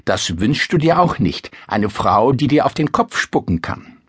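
A man voicing a sharp-tongued, theatrical young princess in a storybook reading. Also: medium pitch, big pitch swings, unhurried, slightly rough, no room sound, studio quality, exaggerated voice. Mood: mocking. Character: haughty, mocking young princess.

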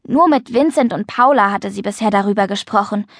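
A woman narrating a children's audiobook with clear, lively storytelling. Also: medium pitch, brisk, no room sound.

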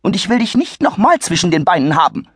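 A man voicing a shrill, bossy older woman in a storybook, scolding and indignant. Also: big pitch swings, fast talker, fairly bright tone, husky, no echo, clean studio sound, full character voice.

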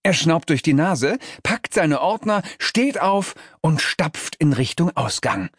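Man, audiobook narration, animated, expressive, dry close recording. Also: on the high side, slow pace, husky, no room sound. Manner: lively, expressive reading.

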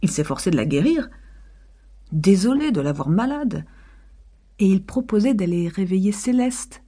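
A woman narrating a classic tale as an audiobook reader, in a husky, measured and expressive voice. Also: medium pitch. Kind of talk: scripted literary narration.

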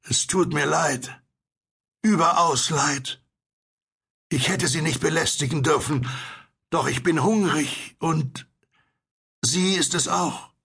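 A man voicing a pleading, frightened voice from the dark. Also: on the high side, takes it slowly, gravelly, long pauses, husky, pitched above the performer's own voice, heavily acted. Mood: pitiful. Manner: hesitant, pleading, breaking off mid-sentence. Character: hungry, frightened castaway man hiding in a boat.

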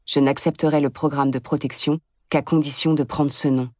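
A woman's voice: deep voice, flat delivery, moderate pace, no room sound. Woman narrating bluntly in a dry studio. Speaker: audiobook narrator. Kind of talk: scripted first-person audiobook narration.

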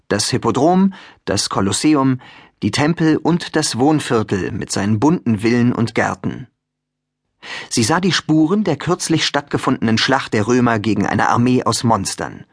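Husky, expressive male audiobook narrator. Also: mid-range voice, no echo, clean studio sound. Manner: expressive, even storytelling. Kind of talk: scripted narration.

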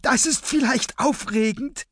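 A man voicing a gleeful, cruel female henchman with a high, giddy, playful voice in an audiobook. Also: very animated, slow pace, creaky, pushed and bright, husky, dry recording, studio quality, exaggerated voice. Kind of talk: audiobook character voice.

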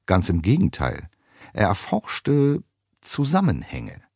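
Low, husky male audiobook narrator. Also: slow, no room sound, clean studio sound. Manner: wry, expressive storytelling. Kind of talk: scripted narration.

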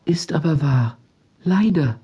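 A man voicing a small, gentle male harp angel who speaks in high, pleading tones. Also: steady tone, normal speed, highs cut off. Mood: meek.

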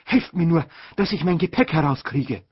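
A man's voice: fairly high pitch, lively intonation, moderate pace, husky, no room sound, pitched above the performer's own voice. A man voicing a gushing, fussy, bossy older aunt who talks in effusive exclamations, in a dull lo-fi audiobook recording.

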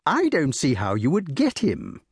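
Male reader as hearty old storybook knight, raised pitch, lively, blustery. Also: measured pace, slightly rough, no echo, studio quality, exaggerated voice. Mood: bluff hearty. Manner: bluff, clipped, hospitable.

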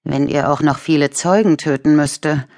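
A woman's voice: low voice, fairly even intonation, normal speed, darkish tone. Woman narrating a tense thriller. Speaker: audiobook narrator. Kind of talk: scripted narration.

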